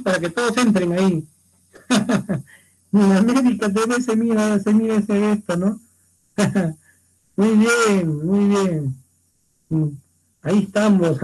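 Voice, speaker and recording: A man's voice: sits high, a little mellow, breathy edge, rough recording. A man teaching a literature class online, retelling a Greek tragedy animatedly and calling his students muchachos.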